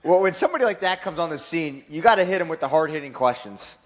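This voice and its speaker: Male podcast host, slightly high, lively bouncing delivery, joking banter. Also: fast. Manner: joking, teasing. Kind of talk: casual sports podcast banter.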